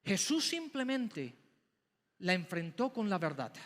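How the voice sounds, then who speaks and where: A man's voice: high voice, sing-song, measured pace, fairly bright tone. A man preaching a sermon, dramatic and emphatic, firing rhetorical questions at the congregation. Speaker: pastor. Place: church sanctuary. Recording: long church hall reverb. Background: church hall reverb.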